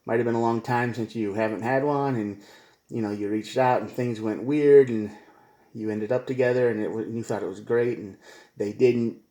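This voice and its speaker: A man at an ordinary middle pitch gives a casual tarot reading. He rambles, repeats himself and tosses in slangy asides. His voice echoes around a bare, reflective room. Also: fairly even intonation, moderate pace, warm tone. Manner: rambling, repetitive, slangy, says "man" and "bro". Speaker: tarot reader.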